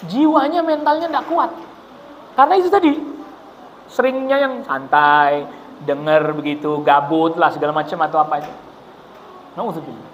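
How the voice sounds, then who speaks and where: A male preacher giving a casual religious study talk in a mosque, lively and colloquial, acting out the people he describes. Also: fairly high pitch, moderate pace, pauses often, dull audio, a little hiss or hum. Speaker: Islamic preacher.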